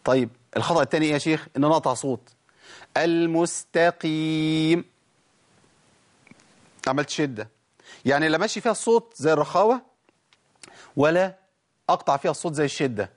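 A man with an Egyptian accent teaching tajweed on a TV show, lively, talking straight to the viewers and drawing out sounds slowly to demonstrate them. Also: a little high. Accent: Egyptian Arabic. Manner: lively explaining, addresses the audience directly. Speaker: Quran recitation teacher.

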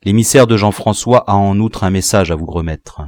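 Man doing a hushed, sly rebel officer. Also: fairly low pitch, normal speed, dry recording, close to an everyday voice. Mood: worried. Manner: speaks very quietly.

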